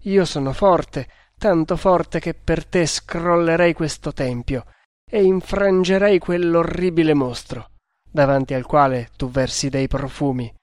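A man's voice: fairly high pitch, steady tone, measured pace, darkish tone, no echo, studio quality, natural voice. A man reading an audiobook, voicing a young snake hunter who speaks with ardent passion. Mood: fierce. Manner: ardent, impassioned.

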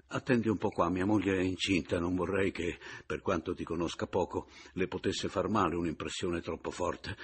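A man reading an audiobook, voicing an emotional, excitable middle-aged friend who exclaims in high, cracking bursts. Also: husky. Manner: exclaiming, breathless, voice cracking upward.

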